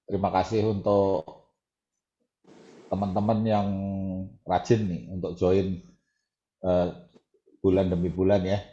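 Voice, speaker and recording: A man's voice: sits low, flat delivery, slow pace, pauses often, mellow, echoey room, muffled recording. A man hosting a church men's meeting on a call, casually thanking members and handing over to the next leader. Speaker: host of the meeting.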